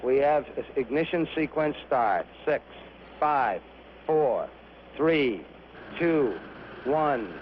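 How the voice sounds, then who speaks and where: A man giving a steady, matter-of-fact launch countdown as a control commentator, heard over a crackly archival radio transmission. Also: medium pitch, very slow, pauses often. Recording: muffled archival radio with faint hiss.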